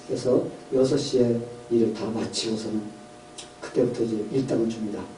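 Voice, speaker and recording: A man's voice: lowish voice, steady tone, normal speed, dark tone, roomy sound, recorded from a distance, slight background noise, low-quality recording. A male pastor preaching a sermon, telling a parable and asking the congregation questions. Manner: storytelling with questions to the congregation, voicing characters. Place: church sanctuary.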